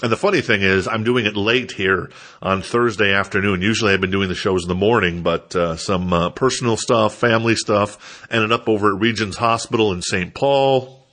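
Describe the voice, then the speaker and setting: The speaker is a solo podcast host from Minnesota whose congestion is obvious as he rambles and jokes at his own expense. His voice is on the low side, fairly bright, and moves at a moderate pace.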